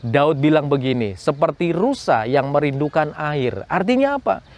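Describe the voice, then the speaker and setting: A man's voice: on the high side, sing-song, normal speed, darkish tone. A man giving a morning devotion to schoolchildren, repeating lines and asking rhetorical questions. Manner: repetitive, rhetorical questions, preachy. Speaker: school chaplain. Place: cool outdoor spot.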